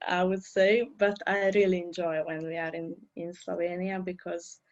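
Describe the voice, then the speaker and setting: A woman, speaking as a guest in an interview. She answers in careful, English, in a slightly low voice. The recording sounds dull and lo-fi. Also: flat delivery, moderate pace. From Hungary.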